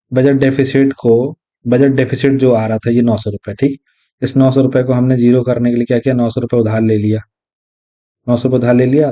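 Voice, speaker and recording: A man teaching an exam lesson, explaining step by step and repeating key terms, reading definitions slowly. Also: medium pitch, mellow. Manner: reads English definitions slowly. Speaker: exam tutor. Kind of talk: recorded lecture. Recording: dull lo-fi audio.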